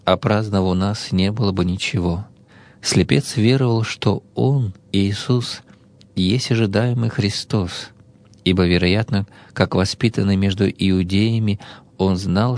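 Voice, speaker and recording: A man solemnly reading the Gospel and its commentary in a measured, intoning way. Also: lowish voice, a little mellow, dry recording. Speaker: Orthodox reader of scripture and commentary.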